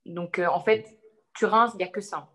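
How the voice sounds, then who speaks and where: Chatty young Frenchwoman, slightly low voice. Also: steady tone, moderate pace, a bit bright. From Savoie, France. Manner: chatty, hesitant with many fillers and restarts. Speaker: interview guest, advertising creative. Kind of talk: casual conversational interview.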